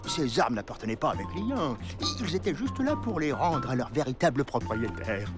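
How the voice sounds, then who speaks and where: A man's voice: mid-range voice, sing-song, normal speed, lightly acted. A man playing a slick defence lawyer in a cartoon, pleading in a formal, glib way. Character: slick, smooth-talking male defence lawyer. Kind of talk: animated cartoon acting. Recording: music behind.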